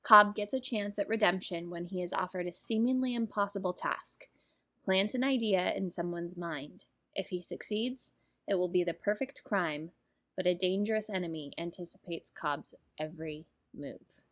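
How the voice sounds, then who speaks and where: A woman's voice: on the low side, moderate pace, a bit bright. Enthusiastic woman chatting on a podcast. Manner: enthusiastic, emphatic, swears freely. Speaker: podcast host. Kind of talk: casual film podcast chat.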